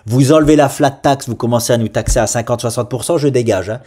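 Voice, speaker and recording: A man from France hosting an investing channel, giving casual, animated market commentary and talking straight to his viewers. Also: medium pitch, quick pace, breathy edge. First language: French. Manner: animated, ranting, direct address to viewers.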